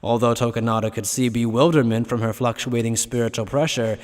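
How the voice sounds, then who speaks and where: A man's voice: mid-range voice, fairly even intonation, fairly quick, darkish tone. A man reading scripted story narration for an anime fan dub. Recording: long reverberant hall effect.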